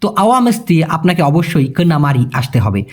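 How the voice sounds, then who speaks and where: A man's voice: on the high side, big pitch swings, fairly quick, a little mellow. A young Bangladeshi man giving a casual video lesson, chatty, calling viewers brother and checking that they follow. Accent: Bangladeshi Bengali. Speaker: language teacher.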